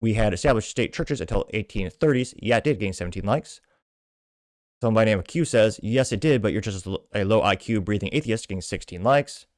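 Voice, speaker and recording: This Midwestern American man hosts a podcast, rambling informally about politics as he reads posts out loud. He has a lowish, expressive voice and talks a little fast, captured in a dry, studio-quality recording.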